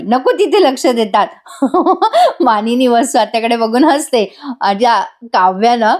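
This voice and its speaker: In a voice-over review, a woman with a slightly high voice recaps a TV serial episode, chatty and excited and laughing often.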